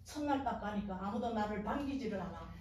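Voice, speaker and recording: A woman's voice: mid-range voice, expressive, fairly quick, a little mellow, a little hiss or hum. A middle-aged woman giving a testimony sermon at a revival meeting, telling her story dramatically and acting out dialogue. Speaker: guest speaker at a revival meeting. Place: church sanctuary. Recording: very echoey church hall, distant.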